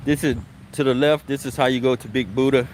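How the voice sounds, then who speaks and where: A man's voice comes through muffled, since he is speaking from behind a face mask while he walks outdoors. His pitch sits in an ordinary middle range. He chats in a loose, rambling vlog style, with faint traffic noise in the background. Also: a little fast. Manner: relaxed, rambling, self-correcting. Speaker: vlogger. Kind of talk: casual walking vlog chat. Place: outdoors on city streets and in a park.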